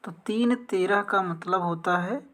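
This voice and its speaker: Working slowly through practice exam questions, a woman who teaches and coaches for exams frequently asks a question and then answers it herself, step by step. Her voice sits in the mid range.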